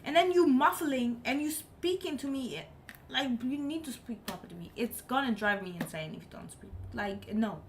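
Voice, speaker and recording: A woman chats casually on a live stream in English, her third language, since her first language isn't English. She speaks emphatically in a high-pitched voice with lively intonation and a moderate pace, repeating her points for effect, and there is slight background noise.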